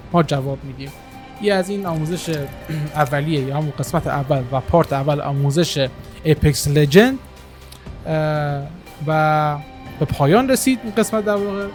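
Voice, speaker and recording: A man's voice: on the high side, soft background music. A man hosting a gaming channel, talking casually at his computer through a game-settings tutorial, with many hesitations. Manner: relaxed, many filler hesitations. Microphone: single desktop microphone.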